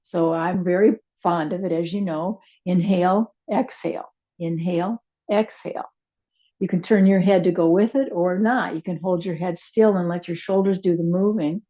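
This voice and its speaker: A woman teaching a chair yoga and meditation class, giving gentle, unhurried cues with soft asides. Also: on the low side, fairly even intonation, muffled recording. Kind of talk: guided yoga class instruction.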